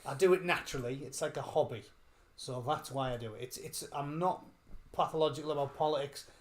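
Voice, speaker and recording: A man from England with a brisk, high-leaning voice chats as a guest in a casual interview. He's talkative and cheerfully foul-mouthed, swearing freely and calling himself a gobshite.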